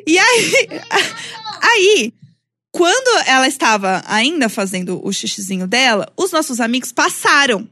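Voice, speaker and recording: A young adult woman co-hosting a podcast, telling stories in a casual, animated way with lots of filler words. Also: fairly high pitch, moderate pace, few pauses. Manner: animated storyteller, full of fillers like né and assim. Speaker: podcast co-host. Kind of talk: casual chat among friends.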